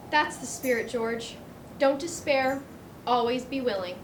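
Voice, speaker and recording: Woman doing a patient little angel guy, high voice, echoey far-off stage, noisy. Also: slow pace. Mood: earnest. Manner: patient, coaxing, a little flustered. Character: gentle old male guardian angel. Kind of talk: amateur stage acting. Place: theatre stage.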